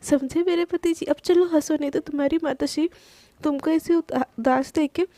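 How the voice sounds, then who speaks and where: A bold, carefree young woman, voiced by a woman storyteller, keeps up teasing, slangy banter. Her voice sits high and mellow, recorded close and dry. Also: steady tone, normal speed, no room sound, lightly acted.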